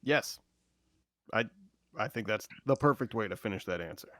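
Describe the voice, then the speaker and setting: A man co-hosting a podcast, calm and supportive, reading out listener questions. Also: lowish voice, moderate pace, no echo, studio quality. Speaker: podcast co-host and producer. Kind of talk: casual podcast chat.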